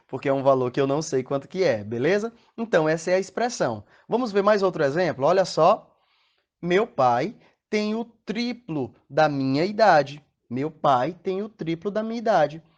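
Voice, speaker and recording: A man with a Brazilian Portuguese accent and a fairly high pitch teaches a recorded math lesson. He explains patiently, step by step, frequently checking in with the class through questions.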